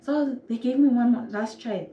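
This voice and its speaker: Animated Namibian woman telling a story. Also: on the high side, normal speed, reverberant, lo-fi sound. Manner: animated, acts out moments with quoted voices and sound effects. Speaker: vlogger. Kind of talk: casual storytelling to camera.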